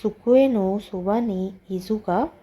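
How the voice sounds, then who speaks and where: A woman with as her teaches Japanese from a textbook exercise. She talks at a slow, deliberate pace and draws out each word as she explains it. Her voice is soft and mellow, and her pitch sits in a middle range. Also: husky. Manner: slow, careful explaining, drawing out the Japanese words.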